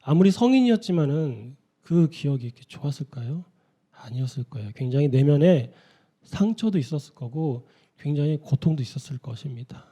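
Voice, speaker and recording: A man's voice: on the high side, animated, a little fast, mellow, slightly rough. A man preaching an early-morning sermon in a conversational way, often putting rhetorical questions to his listeners. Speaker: pastor.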